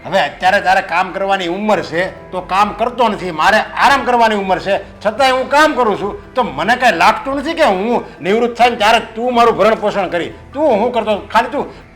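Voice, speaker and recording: A man's voice: sits high, a little fast, few pauses, fairly bright tone, faint music behind. A stern lecturing father. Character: stern hardworking father scolding his idle son.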